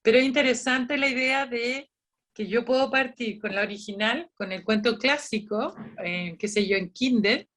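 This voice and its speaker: A fairly high-voiced woman leads a training session for volunteer storytellers. She explains in a loose, chatty way, trailing off, restarting her sentences and acting out bits of dialogue. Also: normal speed, a bit bright. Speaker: librarian and trainer.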